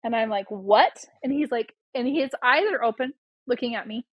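A middle-aged woman telling a story in casual chat, animated and full of fillers, acting out the voices of the people in it. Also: on the high side, brisk, breathy edge, no room sound, lo-fi sound. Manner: animated, acts out quoted voices, many fillers. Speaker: podcast guest, doula.

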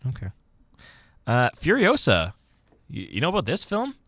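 A man's voice: mid-range voice, wildly swooping pitch, moderate pace, a bit bright, no echo. A man co-hosting a casual movie podcast, reading out film news in an upbeat way. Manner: upbeat, reads news items off a list. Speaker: podcast co-host.

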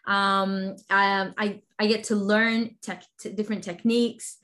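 A woman's voice: mid-range voice, level tone, a little slow, fairly bright tone. A woman from Sudan, a guest in an interview, talking enthusiastically with many fillers and restarts. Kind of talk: interview conversation.

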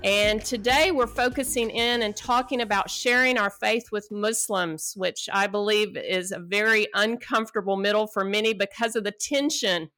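A woman hosting a podcast, opening the episode in a measured way. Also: mid-range voice, bright, forceful tone, no room sound. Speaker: podcast host.

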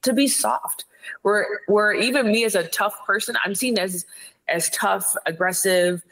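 A woman's voice: medium pitch, unhurried, low-quality recording. Direct, blunt woman telling stories. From Ohio, USA. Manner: direct, blunt, animated storytelling. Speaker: psychiatrist guest. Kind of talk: casual conversational interview.

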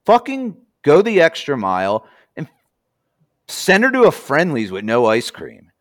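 A man telling a long, profane story on a podcast, with an animated, cursing manner. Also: a little high, unhurried, no echo, clean studio sound.

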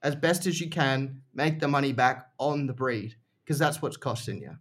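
A man's voice: mid-range voice, moderate pace. A man chatting casually as a podcast guest, explaining things informally and repeating short phrases for emphasis. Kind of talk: casual chat.

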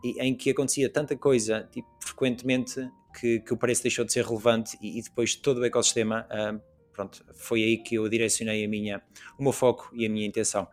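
A man's voice: mid-range voice, little pitch movement, brisk, faint music behind. A young Portuguese man with a European Portuguese accent, a podcast guest talking casually with many fillers and restarts. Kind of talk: casual conversation.

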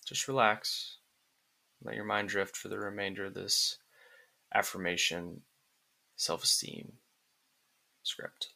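A man narrating a guided relaxation script like a sleep story, in calm, soothing, deliberate phrases with pauses. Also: lowish voice, gravelly.

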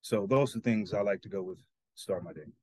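A man's voice: lowish voice, a little fast, mellow, husky, no echo. A man speaking as a talk-show guest, earnest, often repeating himself as he searches for words. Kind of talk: casual talk-show chat.

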